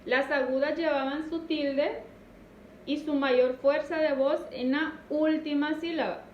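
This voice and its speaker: Woman teacher for a lesson, unhurried delivery, stressed syllables, recorded from a distance in a faintly noisy room. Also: high-pitched, steady tone, muffled recording. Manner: slow, deliberate, stresses syllables. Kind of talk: classroom grammar lesson. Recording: echoey room, distant mic, faint noise.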